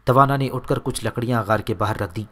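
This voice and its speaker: A man reading a historical novel aloud as an audiobook narrator, measured and steady. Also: medium pitch. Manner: measured storytelling. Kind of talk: scripted narration.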